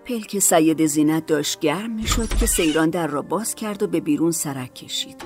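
A woman narrating a storybook in a calm, measured reading voice. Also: low-pitched, music in the background.

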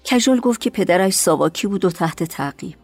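A woman narrating a dramatized story in a calm, measured way. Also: medium pitch, no echo, soft background music.

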